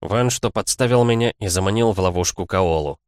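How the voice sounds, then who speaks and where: A man with a low voice reads a first-person adventure audiobook in an even, measured way. The recording is dry and close, with no room sound. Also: clear, resonant tone, dry recording. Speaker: audiobook narrator.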